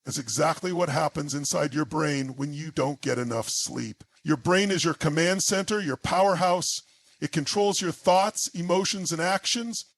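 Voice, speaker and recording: A man's voice: a little high, moderate pace, gravelly. A man giving an intense motivational speech in short, emphatic, punchy phrases. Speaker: motivational speaker.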